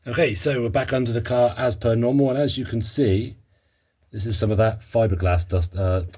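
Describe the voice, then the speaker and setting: A man's voice: lowish voice, warm tone, husky. A man talking casually through a car repair in his garage, chatty and a little unsure of himself as he thinks aloud. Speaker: car restoration vlogger. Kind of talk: casual workshop vlog commentary. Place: home garage, under a car.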